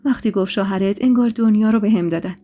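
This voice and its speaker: Warm-voiced woman reading an emotional story. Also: mid-range voice. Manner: emotional, expressive. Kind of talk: dramatic first-person story reading. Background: faint background music.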